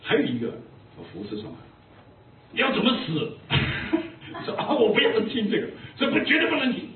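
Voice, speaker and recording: A man's voice: very high voice, huge pitch swings, normal speed, a little hiss or hum. An older man preaching a sermon as a pastor, telling humorous anecdotes. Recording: distant echoey phone-like recording.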